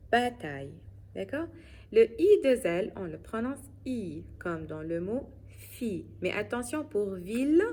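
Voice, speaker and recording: A woman teaching French pronunciation in a slow, careful way, often checking with her listeners. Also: medium pitch, darkish tone, a little hiss or hum. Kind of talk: phonics lesson.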